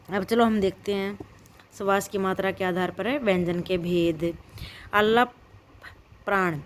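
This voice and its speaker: Female teacher, slow and deliberate, lower voice, self-questioning explainer, faint noise behind. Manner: slow and repetitive, asks and answers her own questions. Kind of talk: grammar lesson.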